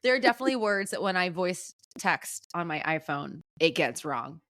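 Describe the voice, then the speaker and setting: A woman co-hosting a podcast with a Midwestern American accent, chatty and quick to laugh. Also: lowish voice, very animated, fairly bright tone, no echo, studio quality. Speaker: podcast co-host. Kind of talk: casual chat.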